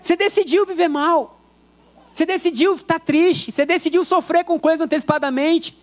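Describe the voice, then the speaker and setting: A man with a strikingly high voice preaches to his church. He repeats his declarations with fervor, drawing key lines out slowly and dashing through his asides. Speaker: pastor. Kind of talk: sermon.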